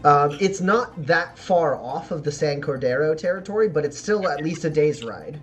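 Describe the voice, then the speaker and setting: Halting male game master over faint music. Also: fairly high pitch, expressive, a bit bright. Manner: halting, laughs readily. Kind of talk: improvised tabletop game narration.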